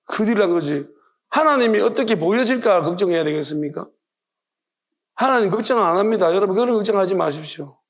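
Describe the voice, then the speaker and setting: A man's voice: sits high, animated, a little fast. A male pastor with a Gyeongsang accent preaching a sermon, firing off rhetorical questions with emphasis.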